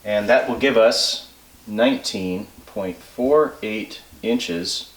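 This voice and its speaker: Low-voiced man explaining calculations, distant and echoey. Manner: halting, self-checking, thinking aloud. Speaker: instructor. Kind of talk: informal technical explanation, working through calculations aloud. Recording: roomy echo, distant microphone.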